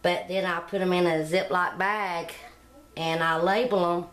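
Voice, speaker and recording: A woman's voice: on the low side, fairly even intonation, unhurried. A middle-aged woman hosting a home cooking channel, talking plainly step by step through a recipe in her kitchen. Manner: homey, plain-spoken, step-by-step. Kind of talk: casual cooking demonstration voice-over.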